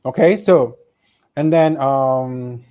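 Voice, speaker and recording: A man's voice: mid-range voice, slow pace, dull audio. A man with a Malaysian accent teaching an online exam-prep English lesson, reading students' questions aloud and checking in with frequent "okay?".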